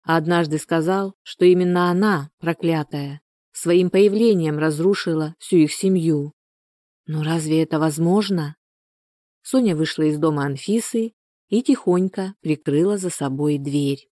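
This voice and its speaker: A woman narrating a novel in an even, measured storytelling manner, close to the mic. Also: low voice, dry recording. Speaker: audiobook reader.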